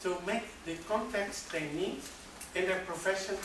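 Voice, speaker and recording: Measured conference speaker, distant mic, strong hall echo and noise. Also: medium pitch. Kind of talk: conference talk. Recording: very echoey hall, far from mic, noisy.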